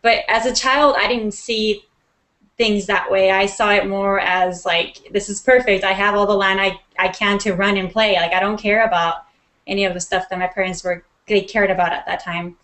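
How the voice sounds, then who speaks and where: A woman's voice: mid-range voice, fairly even intonation, moderate pace, a bit bright. A woman from Mexico, a guest in an interview, telling her personal story in an earnest, reflective way with frequent ums.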